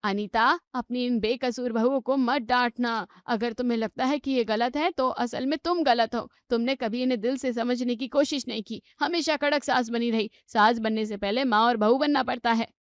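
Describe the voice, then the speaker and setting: A woman's voice: on the high side, fairly even intonation, moderate pace, hardly any pauses, no echo, clean studio sound, close to an everyday voice. A woman voicing a stern, protective elder sister-in-law in a cartoon story, firm and indignant.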